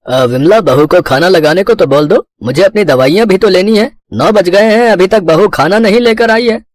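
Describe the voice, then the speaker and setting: A woman's voice: mid-range voice, moderate pace, a little mellow, no echo, studio quality, pitched below the performer's own voice, close to an everyday voice. A woman doing a frail weary old father-in-law. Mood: urgent. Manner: weary, sorrowful.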